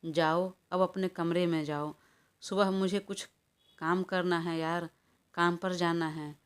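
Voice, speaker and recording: A woman's voice: fairly low pitch, little pitch movement, slow, clean tone. A woman voicing a tired, irritated young man who pleads to be left alone, in a storybook reading. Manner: weary, pleading.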